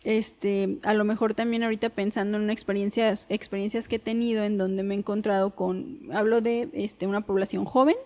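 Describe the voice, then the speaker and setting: A woman's voice: medium pitch, little pitch movement, brisk, hardly any pauses, warm tone. A woman co-hosting a podcast, talking in a tentative, reflective way with many hedges. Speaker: podcast co-host. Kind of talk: conversational podcast chat.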